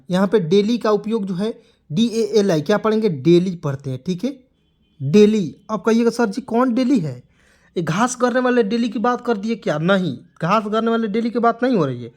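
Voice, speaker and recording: Guy teaching english, high-ish voice, spells words out and keeps quizzing the same thing over and over. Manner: repetitive question-and-answer drilling, spelling words letter by letter. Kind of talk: classroom-style spoken lesson.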